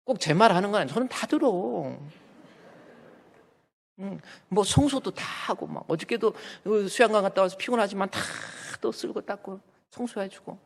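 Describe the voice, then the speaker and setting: High-voiced pastor preaching in a reverberant church. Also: male voice, moderate pace, creaky. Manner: folksy and animated, acting out family stories. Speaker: senior pastor. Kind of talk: sermon. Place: church sanctuary.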